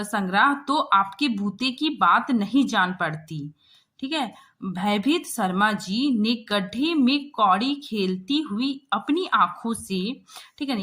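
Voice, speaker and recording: A young woman teaching a textbook chapter, explaining line by line and often checking in with a quick tag question. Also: medium pitch, a bit bright.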